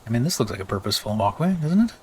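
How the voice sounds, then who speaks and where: A man's voice: mid-range voice, big pitch swings, racing, husky. A man with a tired voice giving casual, rambling let's play commentary, thinking aloud with many fillers.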